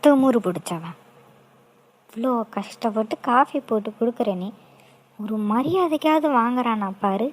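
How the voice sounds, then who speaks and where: A woman's voice: a little high, lively intonation, normal speed, rough recording. A woman voicing a jealous, scheming young woman who mutters scornful asides in a cartoon. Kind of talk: cartoon voice acting.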